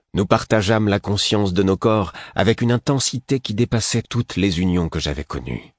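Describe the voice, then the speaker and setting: A man reading a first-person fantasy audiobook in a measured, grave manner. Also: low voice, no room sound, clean studio sound. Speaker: audiobook narrator.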